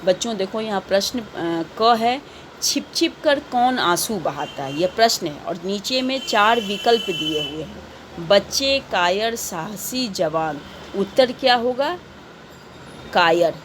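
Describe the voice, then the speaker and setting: A woman's voice: medium pitch, a little hiss or hum. A woman teaching a recorded class to children, reading out questions and patiently repeating the answers.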